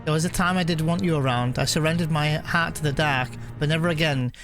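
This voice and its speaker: Over music, a man with a fairly high voice chats casually during a video game live stream. He reads the on-screen text aloud in a halting way, often catching and fixing his mistakes.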